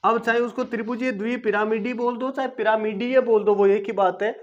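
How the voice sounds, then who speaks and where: Male teacher with a very high voice, self-answering questions, dull lo-fi recording. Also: fairly even intonation, a little fast. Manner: asks questions and answers them himself; repetitive, coaxing teaching. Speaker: chemistry teacher. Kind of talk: classroom-style video lesson. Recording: dull lo-fi video lesson recording.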